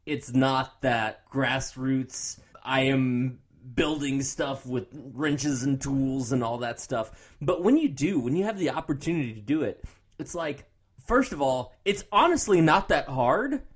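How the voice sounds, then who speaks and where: A man's voice: mid-range voice, lively intonation, a little slow. A man co-hosting a podcast, rambling and restarting his sentences in casual chat. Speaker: podcast co-host.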